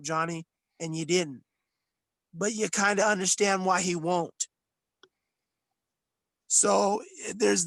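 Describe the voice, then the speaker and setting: A man with a high, slightly bright voice co-hosts a podcast, launching into an impassioned, rambling rant packed with frequent swearing during casual chat. The recording has no echo.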